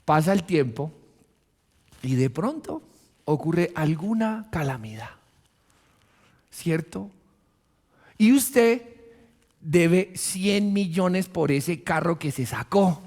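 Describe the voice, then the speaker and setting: A Colombian man preaches a sermon with a high-pitched voice. He is animated and jokes, often breaking into laughter. Long reverb from the church hall trails behind his words. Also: slow, long pauses. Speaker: pastor.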